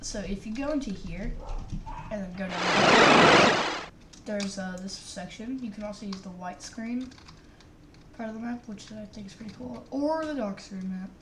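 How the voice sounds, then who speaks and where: Loud game music and heavy background noise surround a woman's medium-pitched voice as she plays and reviews a game mod for YouTube. She talks at a normal speed, loosely narrating the action in a rambling, casual way, picked up by a roomy, distant mic.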